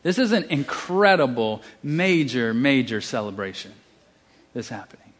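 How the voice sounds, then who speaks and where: A man's voice: mid-range voice, lively intonation, moderate pace. A man with a Southern US accent preaching a sermon, emphatic, with casual asides and restarts.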